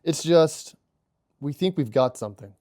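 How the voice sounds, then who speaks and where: A man's voice: on the high side, lively intonation, normal speed, warm tone, no echo, close to an everyday voice. A man reading the part of a deferential male robot crew member, hesitant as he reads aloud.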